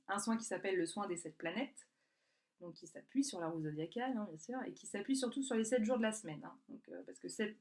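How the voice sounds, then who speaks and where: A woman talking casually to camera about signs around her, chatty and often restarting and searching for words. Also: mid-range voice. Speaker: energy healer. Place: works in a southern French spa town.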